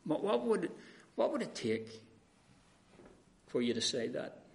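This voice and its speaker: A man's voice: a little high, sing-song, measured pace, gravelly. A man preaching an earnest, conversational sermon, often restarting his phrases.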